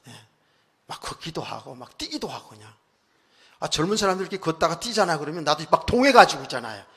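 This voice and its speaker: A male pastor preaching a conversational sermon, telling stories with frequent asides, moving from quiet remarks to loud emphatic bursts. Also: fairly high pitch, very animated, fast talker, breathy edge. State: recently worn out and hoarse. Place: church sanctuary. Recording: long church hall reverb.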